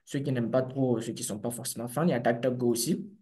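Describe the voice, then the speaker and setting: A man, a developer and business owner, giving a lively conference talk and speaking straight to his audience while sharing his screen. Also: mid-range voice, quick pace, roomy sound. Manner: animated, conversational, addresses audience directly.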